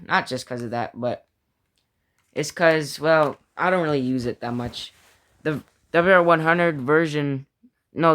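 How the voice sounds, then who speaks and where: A video creator ranking his personal collection gives casual, unscripted review commentary. His medium-pitched voice is smooth and a bit bright, and he thinks aloud hesitantly, often repeating his phrases.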